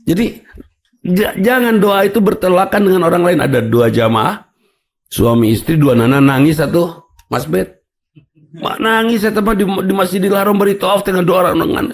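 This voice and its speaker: Preaching at a moderate pace, this Sundanese-accented man has a high voice with lively intonation and vocal fry. He is an Islamic preacher whose sermon leans on funny storytelling sprinkled with local words.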